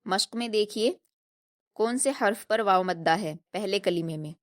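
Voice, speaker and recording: A woman teaching a tajweed lesson, explaining patiently step by step and drilling each sound slowly. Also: mid-range voice. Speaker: Quran recitation teacher.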